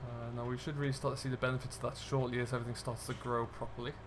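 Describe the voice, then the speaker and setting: Over a noisy background, a man with a mid-range voice delivers flat, rapid-fire speech. He's the host, a gaming video creator, casually talking viewers through his play of a farming simulator in an easygoing, chatty let's-play.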